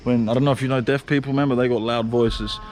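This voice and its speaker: A man's voice: medium pitch, fairly even intonation, fast talker, a little mellow. A young man telling stories in a casual, slangy vlog, swearing and laughing often. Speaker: vlogger. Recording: faint background noise.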